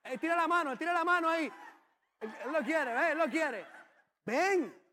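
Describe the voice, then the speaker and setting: Emphatic high-voiced preacher man. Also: a little fast, a little hiss or hum. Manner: emphatic preacher, shouts key phrases, demonstrates with a child on stage. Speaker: pastor. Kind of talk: sermon.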